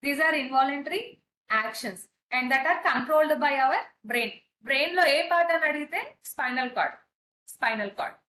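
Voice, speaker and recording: Fast, bright woman tutor with Telugu accent. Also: sits high, reverberant, poor audio. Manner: mixes Telugu with English, repeats key points, frequent restarts. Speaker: pharmacy exam tutor. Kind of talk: online exam-prep lecture.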